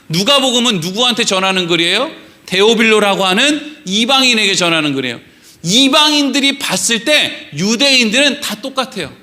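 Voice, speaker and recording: A middle-aged male pastor with a high, bright voice delivers an evening sermon in a church. He talks with his congregation in a conversational way, poses rhetorical questions, and slows down to read scripture aloud. His tone stays clear and ringing throughout. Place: church sanctuary.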